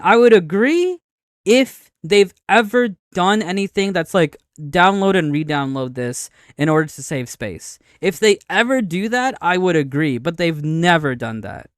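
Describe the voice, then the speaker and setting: Clear-voiced man, halting casual streamer debate. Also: on the high side, no room sound, clean studio sound. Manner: halting, repetitive, argumentative insistence. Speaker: streamer reacting to a video and answering chat. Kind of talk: casual live commentary, debating game updates.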